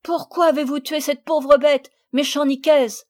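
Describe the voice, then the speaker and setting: A woman reading aloud voices an eager, quick-tempered little girl in a storybook. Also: sits high, animated, a little mellow, pitched above the performer's own voice. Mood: indignant.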